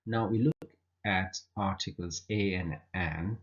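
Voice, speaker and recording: Deep-voiced man teaching grammar. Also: slow pace. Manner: patient, repeats himself with fillers. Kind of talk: explanatory lesson. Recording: dull lo-fi recording.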